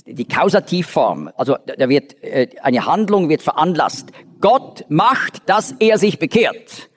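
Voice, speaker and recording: A man's voice: on the high side, big pitch swings, unhurried. A man giving a Bible study lecture, explaining step by step with frequent restarts and fillers. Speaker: Bible teacher. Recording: long reverb of a large hall.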